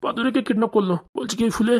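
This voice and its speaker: A woman's voice: fairly high pitch, very fast, darkish tone. A woman voicing an elder in a cartoon comedy, with a fretful, scolding manner. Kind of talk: cartoon voice acting.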